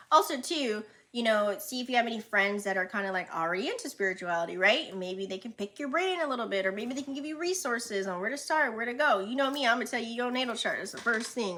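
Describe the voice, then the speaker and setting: A woman's voice: on the high side, sharp tone. A woman doing a casual astrology and tarot reading for her viewers, chatty and slangy, laughing often and acting out reactions, her speech a little muffled by a retainer.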